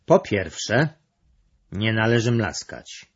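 An earnest male creature from a storybook, declaring conditions in a formal, slow way, voiced by a man reading aloud. The voice is husky and a little raised. The recording is dull and lo-fi. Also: lowish voice, big pitch swings, exaggerated voice. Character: earnest male creature who leads discussions.

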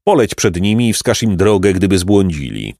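A man voicing a kindly, wise hermit over a hundred years old, speaking gently and with a chuckle, in a storybook reading. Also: sits low, big pitch swings, moderate pace, creaky, dry recording, studio quality, full character voice. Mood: gentle. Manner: gentle, sweet-voiced, chuckling. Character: kindly ancient male hermit, wise and merry.

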